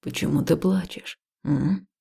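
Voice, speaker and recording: A woman voicing a tender, loving young man in an audiobook, speaking softly and soothingly. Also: deep voice, measured pace, creaky, husky, voice pushed down, heavily acted. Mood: worried, tender. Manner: soft, soothing, half-whispered. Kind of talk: audiobook character voice.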